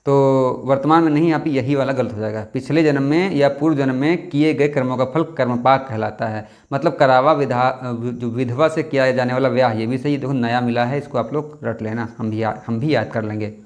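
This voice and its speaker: A young man with a mid-range voice runs a spelling lesson for an exam, thinking aloud as he works. He repeats words, corrects himself, and draws them out slowly while spelling.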